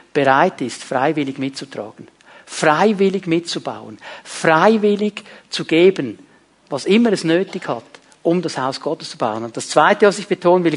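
A pastor preaching with a notably high male voice. He hammers home key phrases by repeating them, rising to loud, lively emphasis and then dropping to hushed, earnest delivery. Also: slightly rough. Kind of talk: sermon.

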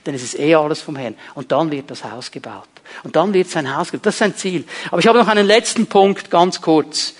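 A pastor preaching with a notably high male voice. He hammers home key phrases by repeating them, rising to loud, lively emphasis and then dropping to hushed, earnest delivery. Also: brisk, hardly any pauses. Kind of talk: sermon.

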